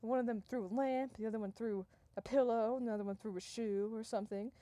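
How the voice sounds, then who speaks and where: A woman spins a rambling, deadpan comic tale, chaining one event onto the next. Her voice is mellow and soft-edged, recorded close and dry with no room sound at all. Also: fairly high pitch, fast talker, dry recording. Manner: deadpan, run-on "and then" narration, dropping to hushed tones. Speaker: storyteller. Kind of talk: rambling improvised comic storytelling.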